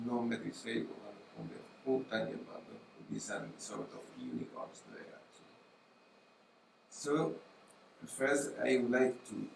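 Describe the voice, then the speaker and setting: Middle-aged guy, non-native english, halting academic questions, very creaky voice, echoey hall. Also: lowish voice. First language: not English. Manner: halting, with repeated words and searching pauses. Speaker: thesis opponent, examiner. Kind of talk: formal academic questioning at a thesis defense. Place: university auditorium. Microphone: gooseneck table microphone. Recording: distant mic in echoey hall, faint noise.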